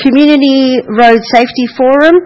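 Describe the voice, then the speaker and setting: A man's voice: very high voice, fairly even intonation, moderate pace, muffled recording. A man, a councillor, reporting on community events in a hesitant way with many ums and restarts. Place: council chamber.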